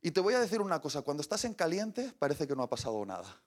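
A man, preaching a sermon as an animated storyteller who acts out scenes and voices. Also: on the high side, fast.

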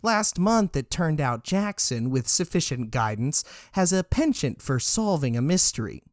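A man's voice: on the high side, big pitch swings, measured pace, no echo, clean studio sound. Motley, a man doing a sly schemer. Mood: scheming.

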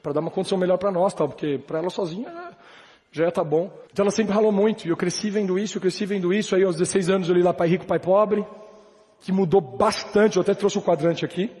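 Fast, high-voiced man speaking emphatically. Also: a little mellow, big-room sound. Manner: emphatic, conversational, peppered with slang. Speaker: motivational speaker at a business event. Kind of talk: live motivational talk. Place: large hall with a live audience.

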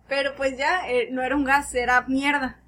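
A woman's voice: high voice, level tone, unhurried, background noise. A Mexican woman co-hosting a podcast, telling a story in casual slang and laughing often. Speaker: podcast co-host.

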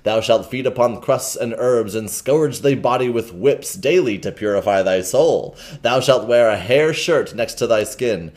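A man's voice: mid-range voice, animated, unhurried, few pauses, a little mellow, lightly acted. A man doing a ranting old hermit monk. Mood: solemn. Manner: solemn archaic preaching, swinging to angry.

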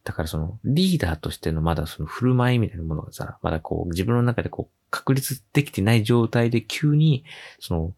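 A man hosting a casual solo radio show, telling a funny story with lively acted-out quotes and frequent laughs. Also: on the low side, quick pace, few pauses. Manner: animated storytelling, acting out quoted voices with laughs. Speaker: podcast host.

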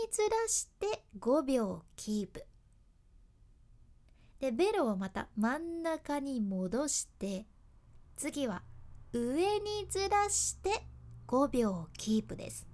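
A woman with a Hakata accent, hosting a radio voice lesson and explaining step by step in a chatty, friendly way. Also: high voice. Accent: Hakata dialect. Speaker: radio host and voice coach.

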